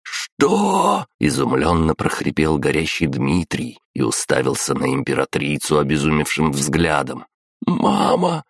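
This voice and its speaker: A male audiobook narrator reading a fantasy novel with steady, dramatic storytelling. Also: rumbling low, normal speed, few pauses, dry recording, clean studio sound.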